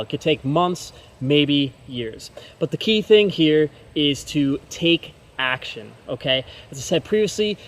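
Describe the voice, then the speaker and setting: A man presents a motivational self-help lesson directly to his audience, his voice sitting a little higher than most men's. He talks in a loose, conversational way, tagging his points with "okay?" and quickening when he gets to the important parts. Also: slight background noise. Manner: conversational, tags lines with "okay?", speeds up on key points.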